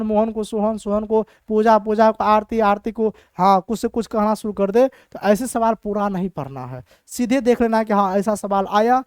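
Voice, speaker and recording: Young man, exam tutor, chatty rhetorical questions, smooth voice, dry close sound. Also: high voice, darkish tone, dry recording. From Bihar, India. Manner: chatty, asks rhetorical questions and answers himself. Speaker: teacher. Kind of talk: exam-prep reasoning lesson.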